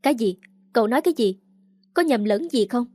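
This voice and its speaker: A woman's voice: on the high side, lively intonation, a little fast, mellow, no room sound. A woman reading aloud the lines of a worried middle-aged mother, in a storybook narration. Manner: worried, pleading.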